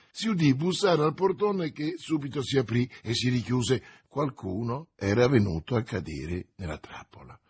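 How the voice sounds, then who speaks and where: A male narrator reading a novel aloud in measured, scripted storytelling. His voice is husky and sits slightly higher than most men's. The delivery stays steady and deliberate. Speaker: audiobook narrator.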